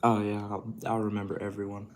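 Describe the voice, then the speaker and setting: Low, flat-toned man rambling on a stream. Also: a little fast. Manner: rambling, casual swearing. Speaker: livestream host. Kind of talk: casual livestream chat while cooking and eating. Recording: clearly noisy room ambience.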